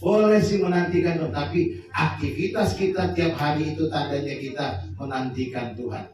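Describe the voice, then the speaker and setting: A man's voice: fairly high pitch, moderate pace, darkish tone, faint music behind. A man preaching a sermon, joking and acting out little everyday scenes. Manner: humorous, acts out little scenes in voices. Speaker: pastor. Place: large church hall. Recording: echoey church hall, mic at a distance.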